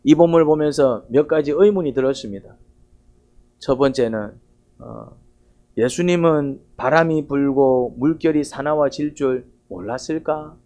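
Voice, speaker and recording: Dark-voiced pastor preaching to his church. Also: medium pitch, normal speed. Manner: asks the congregation rhetorical questions; retells the story vividly, like a storyteller. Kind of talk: Sunday sermon.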